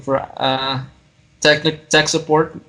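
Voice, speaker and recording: A man's voice: fairly high pitch, flat delivery, takes it slowly, fairly bright tone. A young man, a student, chatting casually on a podcast with blunt, profane quips. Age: young adult. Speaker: podcast co-host. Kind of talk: casual chat.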